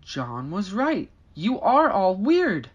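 A male actor playing a nervous, bewildered boy in a horror audio drama, with a hesitant, halting manner. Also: high voice, huge pitch swings, breathy edge, dull audio, heavily acted. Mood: uneasy. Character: nervous, bewildered boy lured by strange girls.

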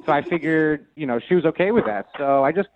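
A man's voice: a little high, lively intonation, fast, a crowd in the background. A man in his late twenties, calling into a radio show and telling his story in a sheepish, rambling way over the phone. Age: late 20s. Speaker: caller. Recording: tinny phone line, dry.

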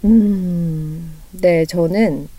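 A woman's voice: fairly low pitch, very slow, mellow, no room sound. A woman in her thirties, an author being interviewed, talking candidly and laughing often as she acts out what friends said. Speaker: author guest. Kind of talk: casual interview chat.

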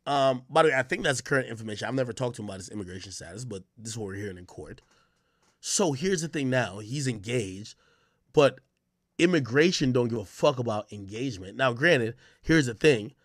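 A man from Jamaica hosts an unscripted reaction podcast, his commentary casual, streamer-like, brash, slangy, cursing and emphatic. His mid-range voice has lively intonation and runs a little fast. The recording is dry and of studio quality.

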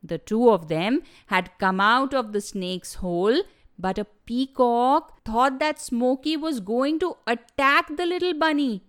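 A woman narrating a children's storybook in a gentle, expressive way. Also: on the high side, clean tone. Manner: gentle, expressive, slow reading.

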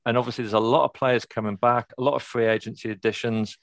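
A man hosts a casual sports podcast, relaxed and a little hesitant as he poses questions. His voice sits at an ordinary pitch, and it sounds dry and close. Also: fast talker, no room sound. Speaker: podcast host.

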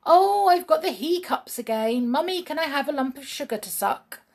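A woman's voice: sits high, expressive, moderate pace, vocal fry, voice pushed up. Woman playing a giggly little girl. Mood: cheerful. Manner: bright, giggly.

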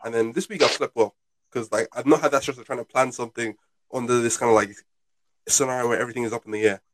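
A man's voice: mid-range voice, steady tone, fast, dry recording. A man hosting a casual chat, repeating phrases for emphasis. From Britain. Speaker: podcast host.

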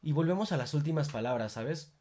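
A man's voice: on the high side, expressive, fairly quick, warm tone. A young man with a Mexican accent hosting a reflective monologue, informal and full of swearing, rising into emphatic bursts. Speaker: podcast host.

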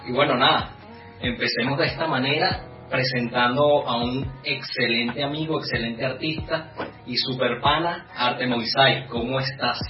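A man's voice: medium pitch, steady tone, moderate pace. A man hosting a casual podcast chat, upbeat and laughing easily. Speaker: podcast host. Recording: echoey room, distant lo-fi mic, music.

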